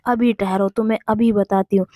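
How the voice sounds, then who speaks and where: A woman voicing a small, kindly female sparrow in a children's storybook, talking in a lively way and repeating her words. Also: medium pitch, a little fast, no room sound, studio quality, natural voice. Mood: angry.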